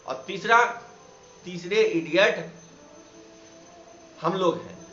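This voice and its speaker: A teacher and activist from Bihar, India, delivers an impassioned monologue packed with indignant rhetorical questions. His high-sitting, slightly bright voice takes things slowly, recorded in an echoey room with a somewhat dull sound and faint background noise.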